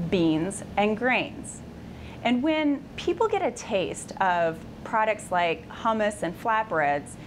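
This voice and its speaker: 30s woman explaining stuff in an interview, clear and plain, low rumble behind. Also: poor audio. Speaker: marketing director.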